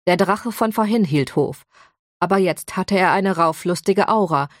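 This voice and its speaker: A woman narrating a first-person audiobook in an even, measured way. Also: lowish voice, no echo, studio quality.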